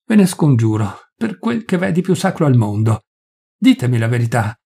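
A man's voice: medium pitch, very animated, normal speed, vocal fry, warm tone, slightly rough, exaggerated voice. A man reading as a feverish dying young woman. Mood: pleading. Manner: pleading, breathless.

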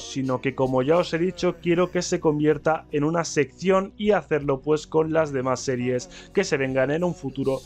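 A man with a Spain Spanish accent giving excitable let's-play commentary, reacting loudly and laughing at the game. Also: on the high side. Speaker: gaming YouTuber.

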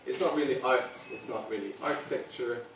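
To a small audience in a meeting room, a product designer from Serbia in his thirties presents earnestly, pausing often to say um. His mid-range voice moves fairly quickly. The far-placed camera captures heavy reverb and slight background noise.

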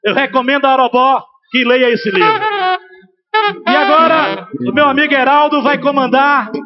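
High-voiced man hyping a festival crowd. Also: normal speed. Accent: Pernambuco Portuguese. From Pernambuco, Brazil. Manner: loud, crowd-rousing, shouted calls. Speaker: event announcer and local broadcaster. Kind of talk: festival MC hype. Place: outdoor festival stage at night. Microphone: handheld mic. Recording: muffled lo-fi audio with music and crowd.

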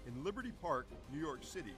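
A man delivering scripted documentary narration in a measured, solemn way. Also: fairly high pitch, big pitch swings. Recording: narration over loud music.

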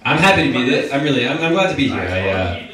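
A young stand-up comic, stumbling through his set with fillers and restarts. His pitch swings widely as he talks. He is picked up from a distance in a very echoey club, with a crowd laughing clearly behind him. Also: big pitch swings. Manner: hesitant, halting, many fillers and restarts. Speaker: stand-up comedian. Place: comedy club.

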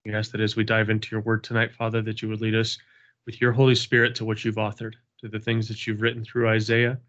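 A man with a fairly low but fairly bright voice talks fast in a completely flat delivery. Leading a Bible study over a video call, he has a slight cold and sniffles, praying earnestly in a repetitive cadence and chatting casually with the group. The call audio is dull and lo-fi.

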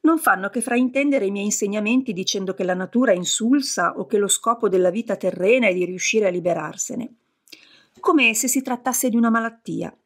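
A woman reading as a quarrelsome, gravelly sage god. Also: medium pitch, fairly quick, natural voice. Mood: peevish. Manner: quarrelsome, complaining. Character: quarrelsome male enlightened sage deity.

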